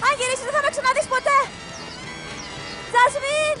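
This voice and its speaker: Young seamstress, blunt and fiery; very high voice; loud music bed. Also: female voice. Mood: pleading. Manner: blunt, flares into threats. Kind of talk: Greek TV dub of a telenovela.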